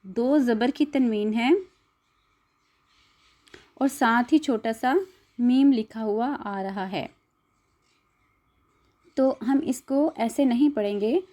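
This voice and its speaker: A woman's voice: high-pitched, warm tone. A woman teaching a Quran recitation lesson step by step, spelling out syllables, drawing out the recited words and asking listeners to repeat after her.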